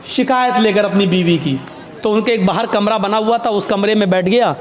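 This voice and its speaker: Animated high-voiced male preacher. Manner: animated, humorous storytelling with acted voices. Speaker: Islamic preacher. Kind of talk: Urdu sermon with storytelling. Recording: echoey room.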